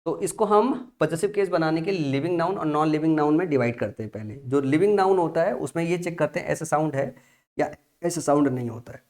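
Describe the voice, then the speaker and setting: A man's voice: fairly high pitch, fast, a little mellow. A man teaching English grammar in a classroom-style lesson, repeating key points and asking and answering his own questions.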